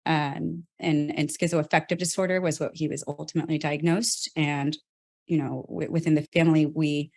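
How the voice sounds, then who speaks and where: A woman from South Texas, a company co-founder, telling her personal story in an interview, earnest and pausing as she restarts on hard memories. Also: deep voice. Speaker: healthtech company co-founder, guest.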